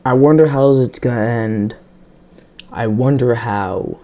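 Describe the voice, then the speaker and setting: Slow, sarcastic man reacting to a cartoon. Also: medium pitch, warm tone, lo-fi sound. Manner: sarcastic, rambling. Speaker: video reactor. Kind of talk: casual reaction commentary.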